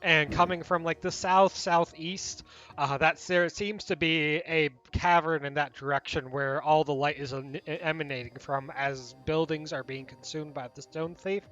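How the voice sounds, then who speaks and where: A man with a higher, bright, lively-toned voice runs a tabletop game as game master. He narrates loosely, pausing on fillers as he sets each scene, and the audio comes through slightly dull and muffled. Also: soft background music.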